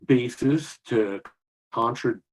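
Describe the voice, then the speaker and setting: A man speaking as a guest over a video call whose audio cuts in and out, so his volume keeps rising and dipping, and he talks haltingly with many restarts. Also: medium pitch. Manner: halting, full of restarts and fillers. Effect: choppy call audio with uneven, dipping volume. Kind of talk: remote panel discussion.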